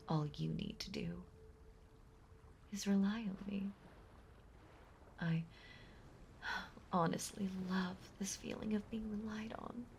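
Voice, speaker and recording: In an intimate ASMR roleplay, a voice actress plays a possessive, clingy yandere mermaid, a sweetly obsessive young woman, speaking softly and breathily and lingering on her words. Her lowish voice carries vocal fry as her mood shifts from coaxing to dreamy and possessive. Ocean sound effects and water ambience play over faint background noise.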